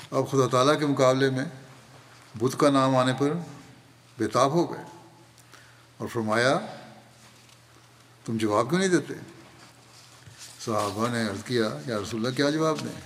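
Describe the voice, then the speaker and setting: A man delivering a Friday sermon in Urdu, telling the story at a measured pace and slowing down to recite Arabic phrases. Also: medium pitch, a bit bright. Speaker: spiritual leader giving a Friday sermon. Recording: long hall reverb, faint background noise.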